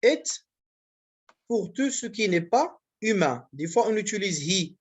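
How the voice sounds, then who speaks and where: A university language teacher gives a grammar lesson, explaining patiently and repetitively and frequently checking that the class is following. Her mid-range voice is husky and sing-song, and she speaks slowly.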